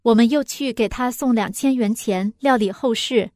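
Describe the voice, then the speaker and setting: A woman reading a scripted first-person story in a calm, even way. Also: fairly high pitch, normal speed, no room sound, clean studio sound. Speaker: program reader.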